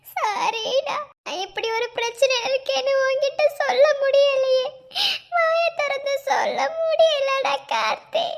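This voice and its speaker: A woman voicing a young college woman in a cartoon love story, sobbing and pleading as she pushes her lover away. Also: very high voice.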